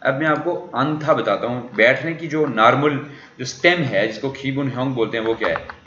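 A man's voice: medium pitch, moderate pace, sharp tone, slight background noise. A man teaching a language class, explaining words and repeatedly quizzing his students with questions. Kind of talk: classroom lecture. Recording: dull roomy classroom recording.

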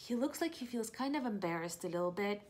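A young adult woman, a preschool teacher, reads a picture book aloud to small children in an indoor living room, expressively explaining and asking questions. Her mid-range voice has a darkish tone, and she speaks quickly and expressively.

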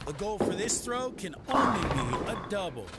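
A man's voice: high voice, sing-song, moderate pace. A man voicing the announcer of a bowling video game, giving short play-by-play calls on each throw. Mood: upbeat. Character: upbeat male bowling-alley game announcer. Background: loud game music.

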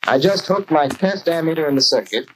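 A man's voice: fairly high pitch, animated, brisk, close to an everyday voice. Casting: man as young American garage mechanic, plain-spoken explainer, 1940s instructional film, slightly noisy old track. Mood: matter-of-fact. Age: young adult. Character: keen young male garage mechanic explaining his work. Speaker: actor playing a mechanic. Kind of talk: 1940s training film acting, scripted dialogue.

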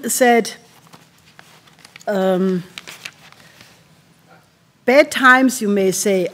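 A woman in her sixties with a German accent gives a keynote speech at a podium in a large hall, earnest and halting, often clearing her throat. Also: mid-range voice. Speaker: keynote speaker. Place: large conference hall with audience. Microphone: podium microphone.

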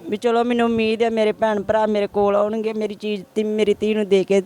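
A woman's voice: medium pitch, completely flat delivery, a little fast, warm tone. A woman, the mother of the bride, answering interview questions and listing the missing relatives one by one.

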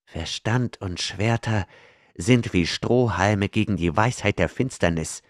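A man's voice: fairly low pitch, measured pace, no echo, clean studio sound, voice pushed up, lightly acted. A man voicing a bitter, hateful male sorcerer slave in an audiobook, speaking with a growl. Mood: menacing. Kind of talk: audiobook character reading.

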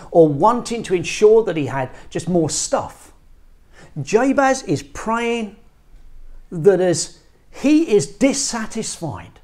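Middle-aged male preacher from England; slow, emphatic delivery with a lively, rising and falling pitch. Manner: earnest, emphatic, gestures with both hands. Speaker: pastor. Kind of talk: sermon. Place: small church room indoors. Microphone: lapel mic.

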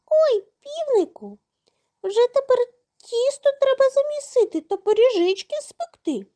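A woman voicing two playful, lazy little mice in a children's storybook, with a squeaky voice. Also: big pitch swings, measured pace, dark tone, exaggerated voice. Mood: squeaky, carefree. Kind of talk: storybook reading.

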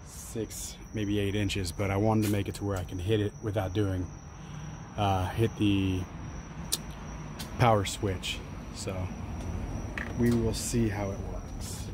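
Standing outside by a fenced wall, first at night and later by day, a fairly low-voiced detailing business owner in his forties rambles through a casual vlog tour of his gear, relaxed and loaded with fillers like um and uh. His camera mic picks up crickets and insects filling the background.

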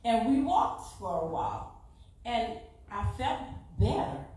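A middle-aged woman with a Southern US accent giving a fervent church testimony, rising to loud exclamations. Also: on the high side, big pitch swings, takes it slowly, slight background noise. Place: large church sanctuary. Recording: echoey church from far off.

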